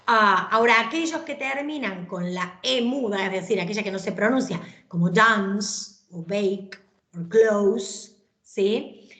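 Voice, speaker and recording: A woman's voice: medium pitch, measured pace, fairly bright tone. A woman, teaching an English grammar class and explaining patiently, often checking that students follow. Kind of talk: online class lecture. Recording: roomy echoey recording.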